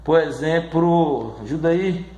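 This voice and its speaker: A man teaching a grammar lesson, repeating words slowly and checking in often with his listeners. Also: on the high side, warm tone. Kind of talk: classroom lesson on syllables. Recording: echoey room.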